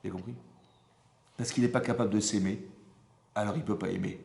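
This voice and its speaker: A man, a rabbi, giving an informal Torah lesson, animated and often checking with his audience through rhetorical questions. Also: fairly low pitch, quick pace, gravelly. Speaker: rabbi teaching a class. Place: synagogue hall. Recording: roomy hall echo.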